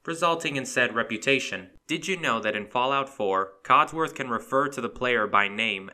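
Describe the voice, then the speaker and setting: A man in scripted narration, reading trivia in a brisk way with dry, sarcastic asides. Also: lowish voice, bright, forceful tone. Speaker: fun-facts video narrator.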